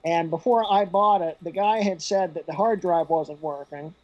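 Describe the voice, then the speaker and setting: High-voiced man on a glitching call. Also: moderate pace, no room sound. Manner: rambling, with many fillers. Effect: glitching, freezing call audio. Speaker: podcast co-host. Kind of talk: casual chat over a call. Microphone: laptop on a video call. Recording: dull, dry remote call audio.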